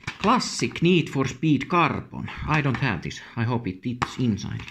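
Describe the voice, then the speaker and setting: A man with a Finnish accent speaks halting, non-native English in short, muttered remarks, as casual unscripted commentary on an unboxing. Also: medium pitch, big pitch swings, vocal fry. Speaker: video game collector presenting an unboxing. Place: indoors at a wooden table. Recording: noisy room with handling clicks.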